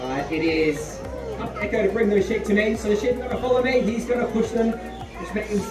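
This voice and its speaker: Speaking a little fast in a high voice, a young man who handles farm dogs talks chattily to a crowd during a live demo in an outdoor paddock, frequently checking "all right?". A distant handheld camera records it, so the sound is distant and echoey with loud music and crowd.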